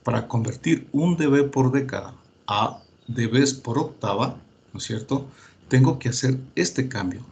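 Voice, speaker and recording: A male teacher giving a lecture, his voice sitting at an ordinary middle pitch for a man. He works through the calculations patiently, with frequent fillers and restarts. He keeps asking whether his students are following and urges them to check the results themselves. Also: darkish tone.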